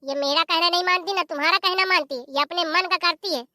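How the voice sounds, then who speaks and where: A performer voicing a sharp-tongued old village mother-in-law in a cartoon, cursing and scolding. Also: very high-pitched, fast, no room sound, clean studio sound, exaggerated voice. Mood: complaining. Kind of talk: cartoon voice acting.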